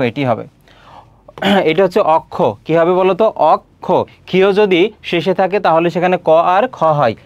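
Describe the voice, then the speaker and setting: A young man teaching an exam-prep grammar lesson, explaining step by step, quizzing students and often pausing on "ah" and clearing his throat. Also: fairly high pitch, dull audio. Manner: frequent hesitant "ah" fillers and throat clearing.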